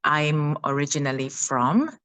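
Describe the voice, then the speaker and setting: A woman in her fifties from Uganda, sharing her personal story on a video call from her phone, pausing often with fillers. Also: deep voice, a bit bright, poor audio. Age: 50s. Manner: halting, many fillers. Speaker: guest speaker.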